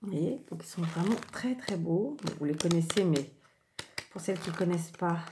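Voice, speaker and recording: A woman showing off a shopping haul in casual chat, thinking aloud and often trailing off softly. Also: lowish voice, expressive, normal speed. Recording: echoey room with loud background noise.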